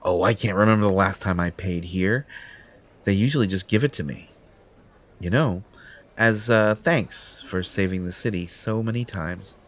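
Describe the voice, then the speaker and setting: A man plays a smug, entitled, possessive superhero in an audio roleplay addressed to the listener, coaxing in a pompous, self-satisfied and condescending manner. He speaks low-pitched at a moderate pace, close to his everyday voice.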